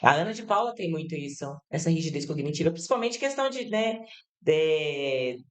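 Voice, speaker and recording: A woman with a somewhat low voice leads a casual interview, addressing listeners directly. She talks in a chatty, explanatory way and keeps checking in with little tag questions. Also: lively intonation, a little fast. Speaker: podcast host. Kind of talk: conversational interview.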